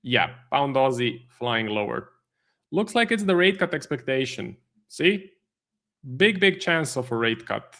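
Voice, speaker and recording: A man's voice: medium pitch, very animated, measured pace, fairly bright tone. A man, a trading stream host giving live market commentary, thinking aloud with many fillers and restarts. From Croatia.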